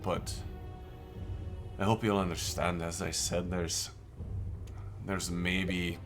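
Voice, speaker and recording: A man running a tabletop game as game master, talking in a halting way with frequent restarts, over a remote call microphone. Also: sits low, flat delivery, over music. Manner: halting, many restarts and fillers. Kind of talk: improvised character and game narration.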